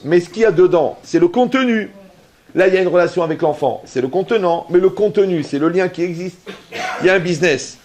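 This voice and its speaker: A man's voice: high voice, quick pace, a little hiss or hum. A man giving a rabbi's sermon to an audience, telling stories with acted-out dialogue and often asking whether listeners follow him. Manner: lively storytelling with acted dialogue and jokes.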